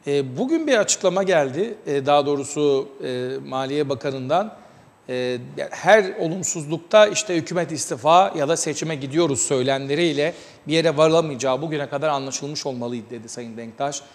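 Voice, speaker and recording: A man hosting a TV talk show, giving news commentary with a measured delivery and many hesitant filler sounds. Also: fairly high pitch, big-room sound.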